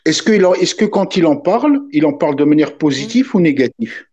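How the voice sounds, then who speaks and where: A man with a husky, rough-edged voice takes part in a casual debate. He explains his points in halting phrases and puts questions to the others. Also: a little high, animated, darkish tone, highs cut off.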